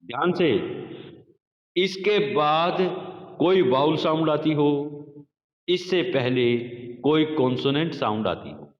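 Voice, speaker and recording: A man teaching a phonetics lesson to a class, speaking slowly and repeating sample words for his students. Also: fairly high pitch, lively intonation. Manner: slow, repetitive, addresses students as children. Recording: echoey lo-fi room recording.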